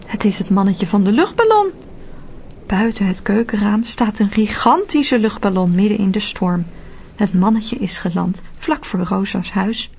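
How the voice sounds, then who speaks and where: A woman narrating a children's storybook audiobook in a steady, clear telling. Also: mid-range voice, moderate pace, slight background noise.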